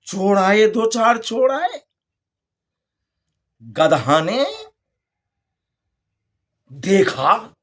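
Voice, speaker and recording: A male preacher delivering a sermon through a folk fable, drawing each phrase out slowly. His voice is husky and breathy. He repeats lines for effect and keeps turning to the audience with rhetorical questions. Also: high-pitched, fairly bright tone. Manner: drawn-out, storytelling delivery.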